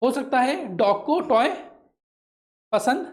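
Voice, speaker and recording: A man teaching English grammar with an Indian English accent, drilling words slowly and asking the class to repeat them. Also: very high-pitched, lively intonation. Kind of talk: classroom lesson, call and response.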